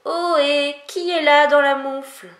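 Une femme fait la voix d'un pauvre petit lapin qui tremble de froid, sur un ton plaintif. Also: female voice, sits high, steady tone, measured pace, a bit bright, reverberant, voice pushed up. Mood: plaintive. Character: poor little rabbit trembling with cold.

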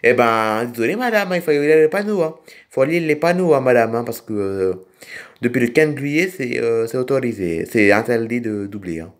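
A man's voice: mid-range voice, lively intonation, brisk, lightly acted. A man doing a stammering tractor driver with an odd accent. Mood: insistent, apologetic. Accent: put-on odd accent. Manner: hesitant, stumbling with many fillers. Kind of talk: toy figure film role-play.

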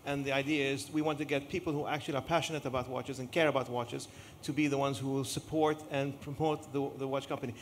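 A man answers questions on a live panel, stopping and restarting his words with frequent filler sounds. His voice is at an everyday middle pitch. Faint ambient noise sits in the background. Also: steady tone, quick pace, hardly any pauses.

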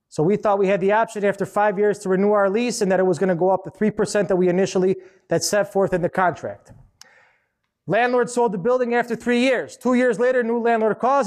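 A middle-aged man, a restaurant owner, giving a conversational seminar talk, direct and emphatic, often repeating words for stress. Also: high-pitched. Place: conference hall.

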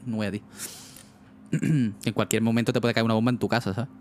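A young male streamer with a fairly low, fairly flat voice talks quickly as he plays, chatting casually, swearing, and frequently asking his viewers what he should do. There is slight background noise.

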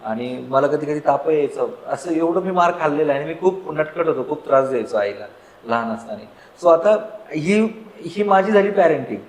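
A man hosting a casual conversation, telling stories in a relaxed, agreeable way. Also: a little high, normal speed. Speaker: host. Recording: echoey room with faint background noise.

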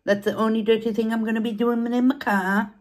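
A young woman food vlogger chats casually while eating on camera in a mukbang, rambling and repeating herself. Her voice is a little high and a little fast, with little pitch movement.

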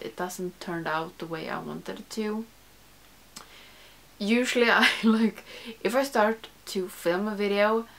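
There's slight background noise as a young beauty YouTuber, not a native English speaker, chats to camera answering a tag in a small indoor room with makeup shelves. Her voice is medium-pitched, creaky and fairly bright; she rambles, corrects herself and uses "like" frequently.

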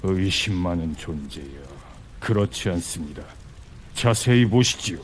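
An actor playing a composed, persuasive otherworldly envoy in a video game, speaking formally and gravely. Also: male voice, sits low, expressive, a little slow, slight background noise. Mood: grave, regretful. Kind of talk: dramatic game voice acting.

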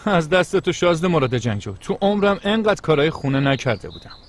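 Bossy caring young guy, slightly high voice, chatty and brotherly, dubbed tv comedy. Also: sing-song. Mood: urging.

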